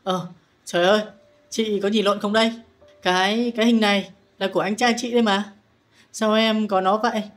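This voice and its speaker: A man's voice: a little high, a little slow. A man voicing a grieving young woman in an audiobook, an emotional older sister who pleads and confides with tearful insistence. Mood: distraught pleading. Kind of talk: audiobook character voice.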